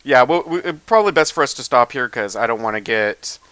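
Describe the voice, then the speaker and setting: A man's voice: medium pitch, animated, fast talker, a bit bright, smooth, dry recording. A man running a tabletop game, chatting casually with his players after the session, easygoing and self-deprecating with many fillers. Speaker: game master. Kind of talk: casual post-game chat.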